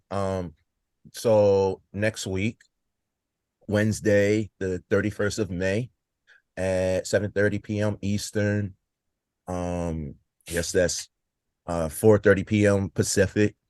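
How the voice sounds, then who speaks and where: A man answering as a podcast guest, explaining things in a measured, informative way. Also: deep voice, a little mellow, dry recording.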